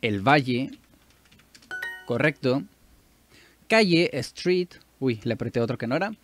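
This man, speaking with a Mexican Spanish accent, practises on a language app for his YouTube audience, slowly and with lively intonation in a mid-range voice. There's a little hiss or hum on the recording, and he keeps up a chatty, self-correcting stream of thoughts.

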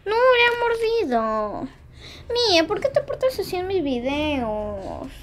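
Giggly, high-voiced woman vlogger. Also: measured pace, slight background noise. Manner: giggly, excitable, chatty with viewers. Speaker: pet vlogger. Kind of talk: casual home vlog.

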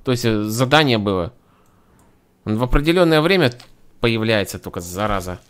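A man's voice: on the low side, animated, normal speed, clean tone. A man giving casual let's-play commentary, talking to himself in colloquial speech with mild grumbling. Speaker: gaming video host. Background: game ambience with horse hooves.

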